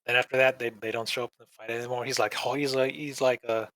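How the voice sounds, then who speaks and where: A man co-hosting an anime podcast, giving a rambling, deadpan and dismissive casual review. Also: mid-range voice, fast. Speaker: podcast co-host.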